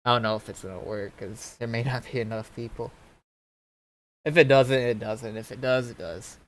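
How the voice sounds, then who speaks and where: This streamer, who also runs a server, talks through gameplay in casual chat, hesitating, rambling and repeating himself. He speaks at a normal speed in a mid-range voice on a low-quality recording.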